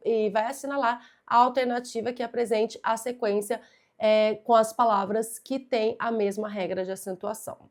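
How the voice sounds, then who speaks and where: A young adult woman teaching a grammar lesson, patient and methodical, stressing key words and speaking straight to the student. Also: fairly high pitch. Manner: talks directly to the student. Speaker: Portuguese teacher. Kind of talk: exam-prep grammar lesson.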